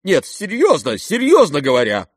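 A man's voice: mid-range voice, big pitch swings, measured pace, fairly bright tone, dry recording, clean studio sound, heavily acted. A man voicing a flustered middle-aged general and father in an audiobook who stammers and pleads.

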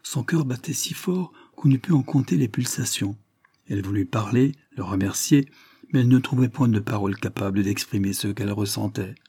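A man narrating a classic novel as an audiobook, in a steady, expressive storytelling manner. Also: fairly low pitch, husky, dry recording.

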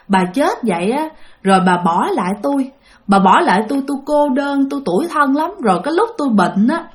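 A woman with a Southern Vietnamese accent voicing the ghost of a lonely old man who complains plaintively to his dead wife. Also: sits high.

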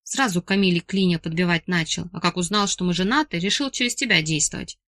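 A woman's voice: on the low side, quick pace, a bit bright, no room sound, lightly acted. A woman voicing a jealous, hot-headed young husband who grumbles indignantly in an audiobook.

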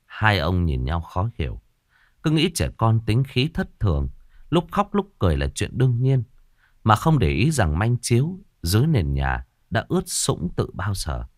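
A man narrating a ghost story in an expressive storytelling manner. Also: lowish voice, normal speed, dry recording, studio quality.

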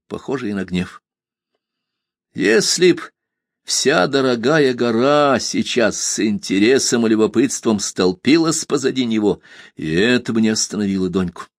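Low-voiced man narrating a story. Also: no echo, studio quality. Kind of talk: audiobook narration.

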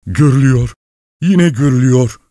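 A man's voice: mid-range voice, normal speed, warm tone, dry recording, clean studio sound, pitched above the performer's own voice, close to an everyday voice. A man reading an audiobook, voicing a terrified young man who cries out in frantic panic. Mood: panicked.

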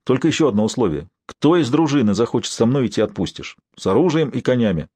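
A man's voice: mid-range voice, sing-song, fast, a little mellow, breathy edge, no echo. A man voicing a swaggering warrior prince in an audiobook, sly and teasing, with a wheedling tone. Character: swaggering prince, sly, mocking, restless adventurer.

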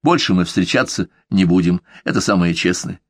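A man's voice: low-pitched, animated, normal speed, no room sound. A man reading the lines of a tormented young woman who answers curtly and coldly. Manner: curt, cold.

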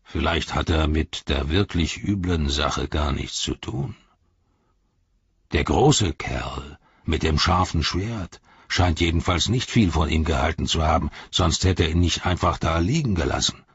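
A man voicing a sly, mocking male orc soldier, speaking slowly and heavily in an audiobook reading. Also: rumbling low, creaky, fairly bright tone, breathy edge, no echo, dull audio, exaggerated voice. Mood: sneering. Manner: slow, heavy, sneering delivery.

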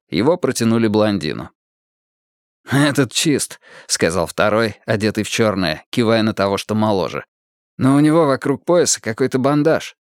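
A man reading a thriller audiobook aloud in a measured, even way, voicing the dialogue quietly. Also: fairly low pitch, clean tone, no echo, clean studio sound. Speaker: audiobook narrator. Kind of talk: scripted audiobook narration.

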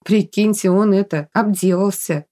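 A woman's voice: mid-range voice, steady tone, normal speed, warm tone, lightly acted. A woman voicing an awkward, kind young man who mumbles sheepishly.

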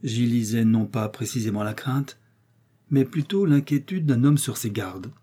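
Dark, husky male audiobook narrator. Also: medium pitch, measured pace. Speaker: audiobook reader. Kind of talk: scripted literary narration.

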